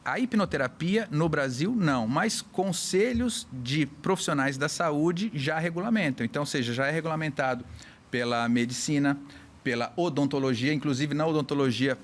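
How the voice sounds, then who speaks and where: A man from Brazil, a hypnotherapist on a casual podcast, explaining with lively little acted-out scenes. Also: on the high side, normal speed. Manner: animated, acts out little scenes with voices. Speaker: hypnotherapist guest.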